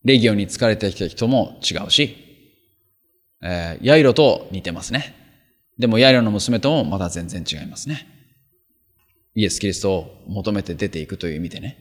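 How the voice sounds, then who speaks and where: A pastor reading scripture aloud and then explaining it in a relaxed, conversational sermon. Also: male voice, fairly low pitch, normal speed, long pauses. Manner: conversational, explains with casual asides and fillers. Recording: long hall reverb.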